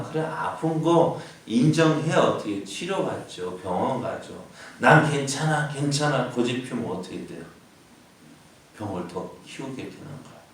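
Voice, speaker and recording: A man's voice: on the low side, darkish tone, heavy reverb, distant mic, a little hiss or hum, poor audio. A man preaching a sermon as pastor, often asking the congregation questions and answering them himself. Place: church sanctuary.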